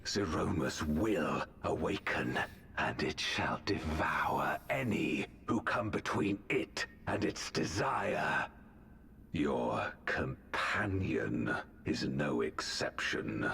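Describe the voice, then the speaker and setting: Menacing fantasy game villain, ominous, very slow delivery, gravelly and creaky. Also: male voice, very deep voice, animated, sharp tone, a little hiss or hum, heavily acted. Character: menacing, doom-pronouncing male dark villain.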